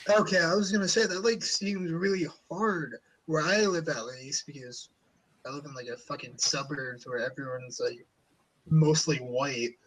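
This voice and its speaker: A man hosting a podcast in casual chat, with a fairly high voice. He rambles and swears a lot as he talks. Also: fairly even intonation, normal speed, fairly bright tone, slightly rough, rough recording. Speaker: podcast host.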